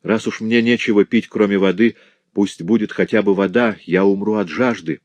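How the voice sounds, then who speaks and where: A man's voice: lowish voice, steady tone, normal speed, no room sound, close to an everyday voice. A whiny sick wife, as a male reader puts her on. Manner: whiny, impatient.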